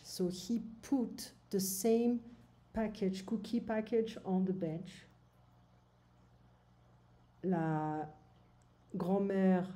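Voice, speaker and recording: A woman tutor walks her student through a recorded lesson recap. She explains each point in French, then says it again in English. Her voice is dark and mellow, a little lower than most, and she talks at a very slow, patient pace.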